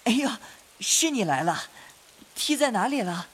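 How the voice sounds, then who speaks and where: A woman voicing a pampered, quick-tempered young male noble heir in an audio drama. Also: lowish voice, very animated, a bit bright, husky, full character voice. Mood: apologetic.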